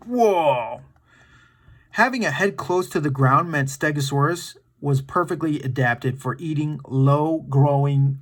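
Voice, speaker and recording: At a medium pitch, a male host reads aloud for children's story time, full of enthusiasm and theatrical fun, dropping in relaxed comments for his young audience.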